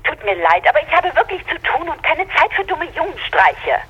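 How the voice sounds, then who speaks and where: A brisk coast guard officer on the radio. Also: female voice, sits high, big pitch swings. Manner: brisk, dismissive. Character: sharp young female coast guard officer. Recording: dull radio sound.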